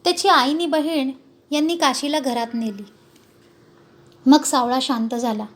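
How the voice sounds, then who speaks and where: A woman's voice: high voice, fairly even intonation, unhurried. A woman reading a story aloud with dramatic narration. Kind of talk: storybook narration of a school text.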